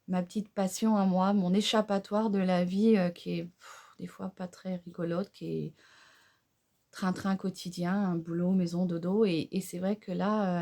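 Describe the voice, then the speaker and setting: A woman's voice: lowish voice, a little mellow. A middle-aged woman chatting candidly in a casual vlog while doing her makeup, often tagging sentences with a little "hein". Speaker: beauty vlogger.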